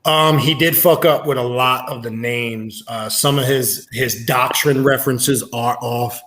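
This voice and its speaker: A man as a guest on a casual livestream interview, explaining at length in a measured way with frequent "uh" and "um". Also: mid-range voice, steady tone, a bit bright.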